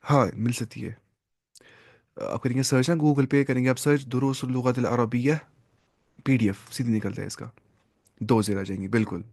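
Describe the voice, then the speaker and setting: A man's voice: medium pitch, fairly even intonation, moderate pace, gravelly, long pauses, darkish tone, no echo, studio quality. A man teaching an Arabic grammar class, who repeats key terms and keeps quizzing his students.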